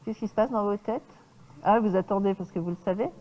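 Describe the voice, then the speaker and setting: A woman horse trainer giving a lecture to an audience, lively and demonstrative, often checking in with her listeners. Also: mid-range voice, fast talker, long reverb tail, low-quality recording.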